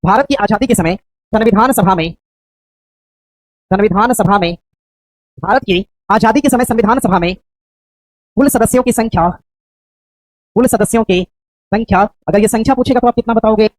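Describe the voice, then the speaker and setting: A woman teacher coaching a class for an exam, quizzing students with rapid, repeated questions. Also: medium pitch, a little mellow, no echo, poor audio.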